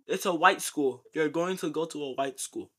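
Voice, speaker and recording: A young man hosting a casual question session on a low quality, glitchy online stream, teasing and insistently repeating himself. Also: normal speed, sharp tone. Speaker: host asking questions. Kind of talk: casual bantering group chat. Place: online voice call.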